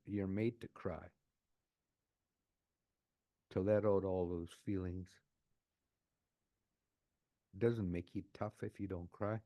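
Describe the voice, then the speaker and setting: A man in his sixties telling his own life story, unscripted and emotional, often halting and repeating words as he restarts a phrase. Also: low voice, warm tone, dry recording. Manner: emotional, earnest. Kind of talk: personal testimony, unscripted.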